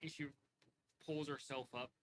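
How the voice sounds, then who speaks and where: A man narrating a tabletop game as game master, relaxed and rambling with frequent fillers. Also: fairly high pitch, a little slow, slight background noise, rough recording.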